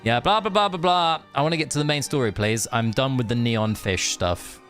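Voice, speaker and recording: On a game stream, a male live streamer chats casually, rambling with joking asides and reading out snippets of story dialogue. His voice is mid-range, a bit bright and fairly quick. Game music plays behind him.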